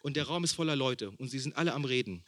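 A man preaching a sermon in German, a father, who builds emphasis with repeated phrases and questions to the congregation and drops to a hushed tone for intimate points. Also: mid-range voice, animated, fast talker, no echo. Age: young adult or middle-aged, father of a small son. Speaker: pastor.

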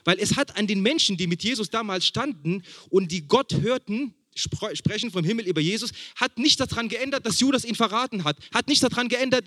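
A man preaching a sermon in German, a father, who builds emphasis with repeated phrases and questions to the congregation and drops to a hushed tone for intimate points. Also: sits high, no room sound, clean studio sound. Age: young adult or middle-aged, father of a small son. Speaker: pastor.

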